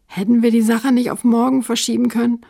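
A woman's voice: fairly high pitch, flat delivery, fairly quick, creaky, dark tone, pitched above the performer's own voice. A woman voicing a sulky teenage boy who complains, in a children's audiobook. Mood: grumbling.

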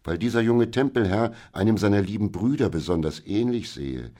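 Excitable storybook housekeeper, flustered and pleading, pitched up and pushed louder, as a deep-voiced male reader puts her on. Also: normal speed. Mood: excited. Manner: breathless, agitated, pleading. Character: excitable female housekeeper companion, middle-aged. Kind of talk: audiobook character reading.

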